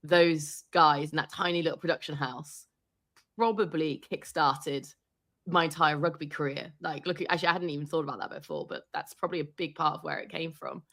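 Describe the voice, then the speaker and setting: A woman sports reporter chatting as an interview guest, telling animated stories and laughing often. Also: low voice, brisk. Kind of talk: casual interview chat.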